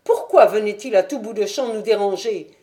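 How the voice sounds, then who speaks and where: A woman's voice: mid-range voice, moderate pace, natural voice. A woman voicing a stout, talkative boatman's wife in a French audiobook. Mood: chatty. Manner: loud, fussing and talkative. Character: shrill stout working-class boatman's wife.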